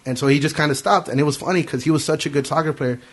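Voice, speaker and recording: Fast-talking podcast host swearing freely. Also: male voice, fairly high pitch. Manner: quick, profane anecdote telling with acted quotes. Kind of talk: casual podcast chat, storytelling.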